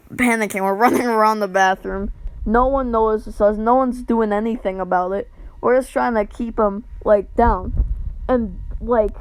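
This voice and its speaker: A woman's voice: mid-range voice, a little hiss or hum, rough recording. A woman telling a tall tale to her viewers in a casual, rambling, jokey way, full of filler words. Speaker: storyteller. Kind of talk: casual comedic storytelling to camera.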